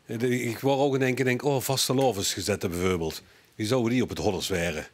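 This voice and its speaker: A man's voice: medium pitch, fast. A male panelist, thinking aloud in a casual discussion.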